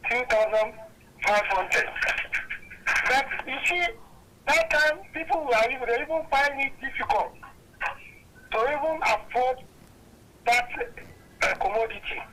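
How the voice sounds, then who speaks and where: A Nigerian man calling in to a talk show over a clipped phone line, talking earnestly and haltingly and often repeating himself. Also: very high voice, sharp tone, slight background noise. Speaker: caller. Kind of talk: call-in comment on a talk show.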